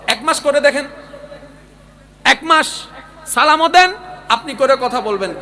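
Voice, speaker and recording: A man giving a sermon to a large live gathering. He swings between loud exhortation and hushed storytelling, and calls out to the audience for responses. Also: very high voice, lively intonation, a little slow. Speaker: preacher. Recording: live crowd murmur behind.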